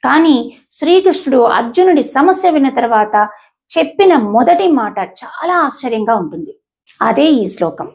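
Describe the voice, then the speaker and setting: A woman hosting a lesson, explaining verse pronunciation slowly and carefully, syllable by syllable, with English words mixed in. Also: high voice, very animated, darkish tone. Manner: mixes English words into the talk. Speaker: host and Gita teacher.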